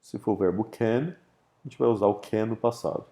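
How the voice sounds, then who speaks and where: A Brazilian man teaching English grammar in a low, gravelly voice with a dark, mellow tone. He explains in Portuguese, then reads the English example sentences slowly and clearly, ending each point with a quick "tá?". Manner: ends points with a checking "tá?". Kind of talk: recorded grammar lesson.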